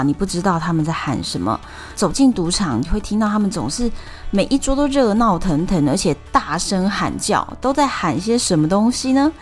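Hosting a storytelling podcast, this woman speaks in a lowish voice with a Taiwanese Mandarin accent. She explains things chattily, lengthening her sentence particles.

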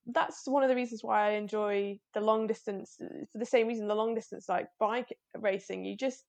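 The interviewee, a female cyclist, has a mid-range, slightly mellow voice with vocal fry, fairly even intonation and a moderate pace. She talks casually and self-deprecatingly, often laughing and restarting.

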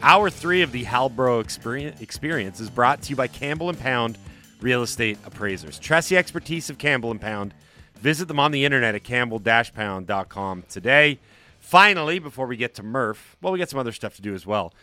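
A man hosting a sports radio show, jokey and animated, reading ads and bantering in a studio. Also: mid-range voice, brisk, soft background music. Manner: animated, jokey, reads ads with a bouncy lilt. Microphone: studio microphone.

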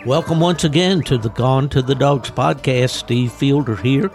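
An older American man from West Virginia chats casually as a podcast host, rambling and folksy with a gravelly voice. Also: medium pitch, normal speed, a little mellow, soft background music. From West Virginia, United States. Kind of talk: casual chat, reminiscing. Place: at home in a hot room he calls a sauna, fan and ice bucket.

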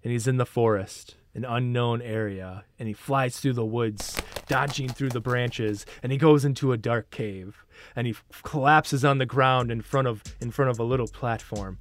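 A man narrating as game master in a relaxed, halting way with many fillers. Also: mid-range voice.

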